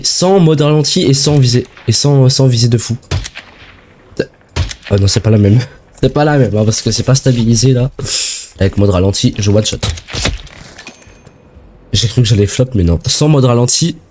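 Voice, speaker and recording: A young man from France chats excitedly through a let's-play, slangy and quick to react. His voice sits at a middle pitch with a mellow, soft tone. A faint hiss hangs in the background. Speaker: gaming video creator. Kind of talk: casual let's-play commentary.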